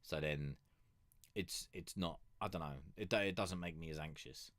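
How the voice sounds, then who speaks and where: Though his voice is deep, this man deliberately holds it higher than its natural register while chatting casually about music on a review stream. He talks at normal speed with a fairly bright tone and no echo, rambling with lots of fillers, restarts and the odd curse.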